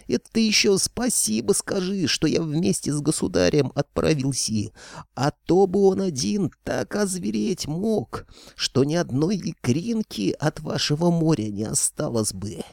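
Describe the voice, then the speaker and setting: A man voicing a fussy, bossy old grandfather who shouts and scolds in a shrill, strained voice. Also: creaky, no echo, studio quality, exaggerated voice. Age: older. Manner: shouts and lectures in a high strained voice.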